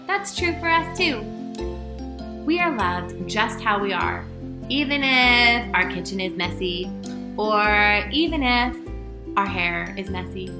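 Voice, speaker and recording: Speaking at a fairly high pitch, this woman pastor reads and talks to little ones during storytime with an animated, lilting delivery aimed right at them. The recording is reverberant.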